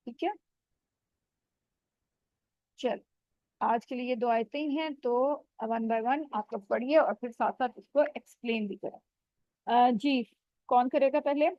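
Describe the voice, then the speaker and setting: A woman teaching Quran recitation rules in an online class, patiently correcting students and modelling sounds slowly. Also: a little high, no echo, dull audio.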